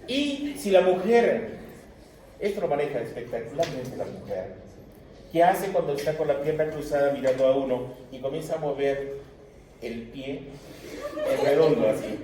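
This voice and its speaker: A man giving an animated, joking classroom lecture to his students. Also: medium pitch, normal speed. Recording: echoey room, mic far off, noisy.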